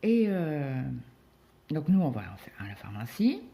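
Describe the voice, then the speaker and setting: Middle-aged woman, crafting vlogger, mellow chatty storyteller, casual. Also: low voice, sing-song, a little slow. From France. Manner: chatty storytelling, many fillers and quoted dialogue. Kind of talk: casual chat while cross-stitching.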